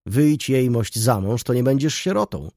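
A man voicing a gruff, blunt old family friend with a crusty manner. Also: mid-range voice, sing-song, moderate pace, a little mellow, no echo, clean studio sound, pitched above the performer's own voice.

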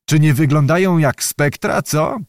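A man's voice: fairly high pitch, measured pace, dry recording, clean studio sound, voice pushed up, natural voice. A man voicing a hungry, complaining old nobleman, a provincial governor and veteran soldier, in a raised voice. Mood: grumbling. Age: older. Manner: querulous, complaining, exclamatory.

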